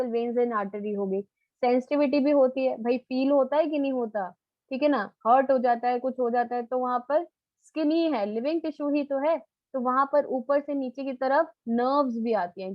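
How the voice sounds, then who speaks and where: Woman teacher quizzing her class, high voice, dry dull lo-fi sound. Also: no room sound. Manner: quizzes students, coaxing and familiar. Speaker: biology teacher. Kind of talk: live online lecture.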